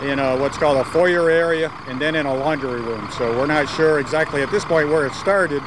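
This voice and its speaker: A man's voice: fairly high pitch, brisk. A man explaining a situation as a fire official in an interview. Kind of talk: interview soundbite. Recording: engine and truck noise outdoors.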